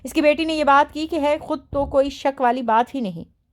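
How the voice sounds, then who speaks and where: A woman reading a romance novel aloud as an audiobook narrator, in steady storytelling narration. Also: sits high.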